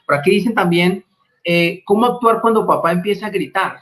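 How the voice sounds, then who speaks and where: A man's voice: sits high, a little fast, fairly bright tone. A man hosting a live interview, reading out viewer questions with brief affirmations and some stumbling restarts. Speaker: host.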